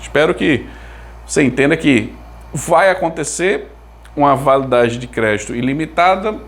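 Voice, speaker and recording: This Brazilian creator's voice is a little high and a bit bright, moving at normal speed with lively intonation. He explains consumer telecom topics to viewers informally, reasoning aloud and asking rhetorical questions.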